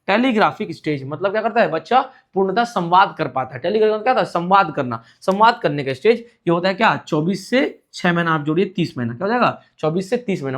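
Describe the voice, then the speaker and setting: A male teacher giving an exam-prep lecture. He asks his students a question, answers it himself, and repeats the key points. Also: high-pitched.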